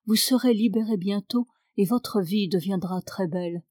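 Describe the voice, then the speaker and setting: A woman reading a gentle wise nobleman. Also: medium pitch, moderate pace, no room sound, lightly acted. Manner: soft, gentle delivery.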